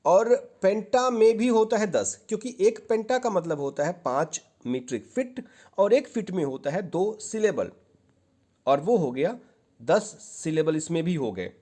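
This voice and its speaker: This literature teacher, a man, delivers an exam-prep lecture at a measured pace in a high, warm voice with big swings in pitch. He blends English terms into his Hindi, patiently going back over the main points.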